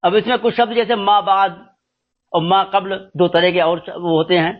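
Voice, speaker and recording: High-pitched man teaching, dull lo-fi sound. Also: fairly even intonation. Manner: slow, explanatory, spells out letters one by one. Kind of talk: spoken lesson on script and pronunciation.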